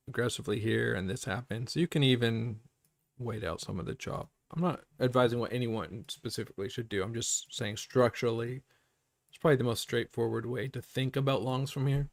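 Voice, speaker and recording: A man's voice: mid-range voice, creaky, no room sound. A man hosting a trading livestream, rambling through chart commentary while thinking aloud, with plenty of fillers and restarts.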